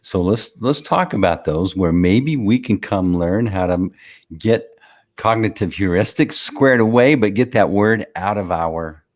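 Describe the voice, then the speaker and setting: A man with a very low voice adds his thoughts in relaxed podcast conversation. He muses on ideas and steers the talk with questions. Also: unhurried. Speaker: co-host. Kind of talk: casual podcast chat.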